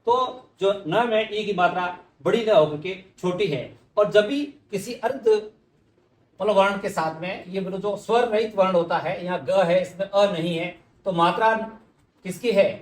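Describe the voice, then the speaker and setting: A man's voice: sits high, moderate pace, echoey room. A man teaching spelling for exams, patiently repeating words and answering his own questions. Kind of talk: exam-prep lesson.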